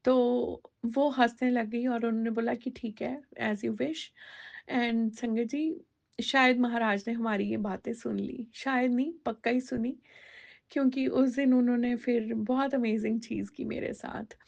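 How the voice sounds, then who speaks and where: Gravelly-voiced woman sharing devotional testimony. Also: a little high, fairly even intonation, a little slow, a little mellow, highs cut off. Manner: conversational, mixing Hindi with English words, many fillers.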